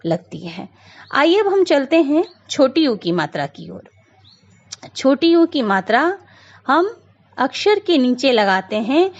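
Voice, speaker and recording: Woman teacher, slow and patient, lively pitch, dull lo-fi sound, lesson read-through. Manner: patient, repeats points, frequent "a" fillers. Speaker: Hindi grammar teacher. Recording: dull lo-fi recording.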